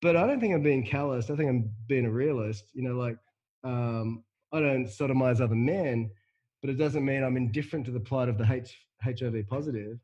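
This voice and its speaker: A man hosting a casual chat, blunt and profane, often halting mid-thought. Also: mid-range voice, darkish tone, breathy edge, muffled recording. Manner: profane, halting, full of fillers and restarts. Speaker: host.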